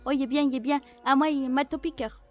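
Woman putting on a high chirpy foreign medic. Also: steady tone, fast talker, darkish tone, faint music behind, natural voice. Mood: babbling. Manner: broken pidgin speech, repeats herself. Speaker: streamer role-playing a medic. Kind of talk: in-character game role-play.

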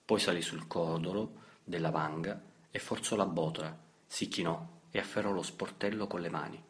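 A man reading a novel aloud as an audiobook narrator, in a measured, steady way. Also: low voice. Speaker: audiobook reader. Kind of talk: scripted literary narration.

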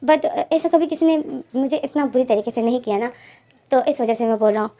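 A woman's voice: high-pitched, brisk, mellow, natural voice. A woman reading as an indignant young man. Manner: protesting, easily angered.

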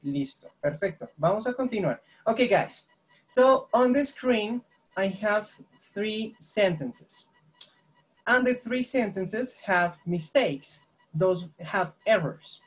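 A woman's voice: mid-range voice, lively intonation, slow, breathy edge. Brief: woman teacher on an online call, patient, keeps checking in, lo-fi audio. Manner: patient, checks often for questions. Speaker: English teacher. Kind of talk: online class, explaining grammar. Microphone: video call.

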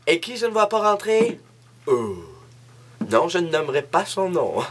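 A young man with a Québécois French accent telling a comic story as a monologue, jumping into high voices when he imitates people. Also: big pitch swings, unhurried. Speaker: comedic storyteller.

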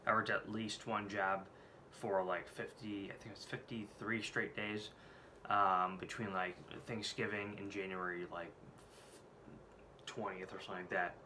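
A vlogger in his late twenties, nursing a head cold and a scratchy throat, talks candidly and rambles in a casual vlog, swearing freely. He records indoors in a small room at home on a desk camera, his lowish voice flat, measured, pushed and bright.

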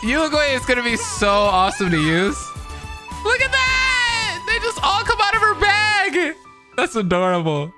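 A young adult man streams from an indoor room setup, giving hyped, slangy live reaction commentary packed with exclamations. His very high voice swings hugely in pitch at normal speed, with game trailer music faintly behind.

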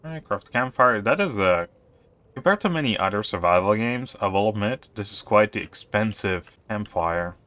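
A man's voice: lowish voice, lively intonation, moderate pace, fairly bright tone. A man giving casual, offhand commentary while playing a survival video game. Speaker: gaming youtuber.

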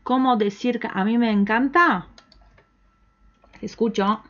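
Slow, patient woman teaching a lesson. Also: fairly high pitch, a bit bright. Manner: slow, patient, encouraging, with pauses for the learner to answer. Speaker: language teacher. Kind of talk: online language lesson. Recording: dull, lo-fi recording.

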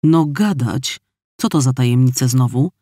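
A man reading an audiobook, voicing a hurt, quick-tempered young woman who speaks in an irritated, demanding way. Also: mid-range voice, warm tone, dry recording, clean studio sound, natural voice.

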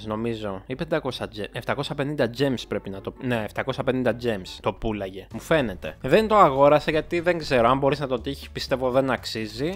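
A man giving casual gameplay commentary as a gaming YouTuber, slangy and chatty, calling his viewers "bro" and bursting out as he plays. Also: medium pitch. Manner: excitable outbursts while playing.

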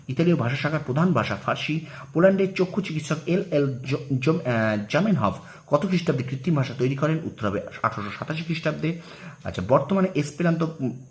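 A man teaching an exam revision lesson, running through questions and answers quickly and correcting himself as he goes. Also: mid-range voice, roomy sound.

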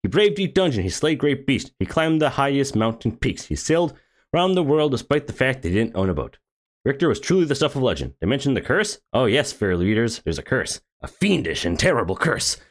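A man's voice: mid-range voice, sing-song, brisk. A man who streams games, reading a game story aloud with sarcastic asides.

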